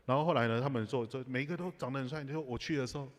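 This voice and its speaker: A man's voice: mid-range voice, very fast. A man preaching a sermon, telling personal stories with humor and asides to the congregation. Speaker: pastor. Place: church sanctuary. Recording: live church hall reverb.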